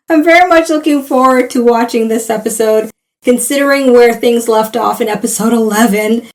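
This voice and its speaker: A young woman hosting a reaction video, chatting casually with animated exclamations and laughter. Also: a little high, moderate pace.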